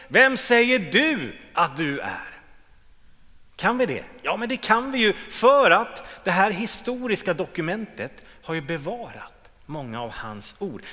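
A middle-aged man preaches a sermon in a bright, high voice. He swings from loud, emphatic lines down to quiet, low ones, and his words ring out with a long hall reverb.

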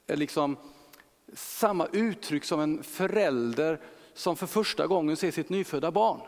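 A man's voice: a little high, long reverb tail. A man preaching a sermon on a Bible passage, earnest, repeating phrases for emphasis and using frequent fillers.

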